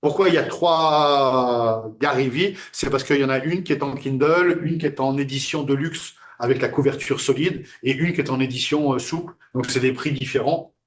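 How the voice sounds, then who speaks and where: Male lecturer, halting delivery with fillers, echoey classroom sound. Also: medium pitch. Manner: hesitant, many fillers and restarts.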